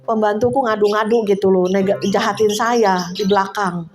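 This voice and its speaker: A woman's voice: mid-range voice, steady tone, moderate pace. An older woman giving a sermon, telling stories in a conversational, emotional way and laughing now and then. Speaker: preacher. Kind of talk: sermon testimony. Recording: faint music behind. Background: soft instrumental music.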